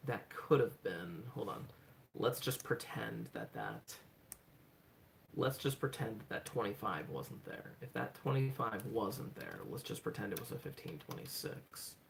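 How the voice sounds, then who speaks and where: Casual livestream guy at home: low, gravelly voice that swings up and down, excitable, thinks out loud. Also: a little slow, a little hiss or hum. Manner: excitable, thinks aloud, repeats "hold on" and "oh my gosh". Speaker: livestreaming speedcuber. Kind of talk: casual livestream self-talk.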